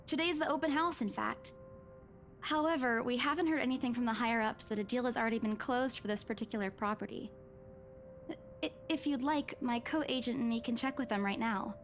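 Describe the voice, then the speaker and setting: Woman voicing a high, deferential female estate agent. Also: fairly quick, slight background noise, natural voice. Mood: polite, careful. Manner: deferential, careful. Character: polite, apologetic young female real estate agent.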